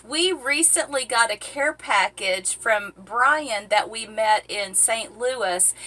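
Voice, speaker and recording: A middle-aged woman vlogs while cooking in a small boat cabin, giving casual how-to chat that rambles with lots of ums and uhs. Her voice is fairly high, bright and forceful. A fixed camera films her from a few feet away.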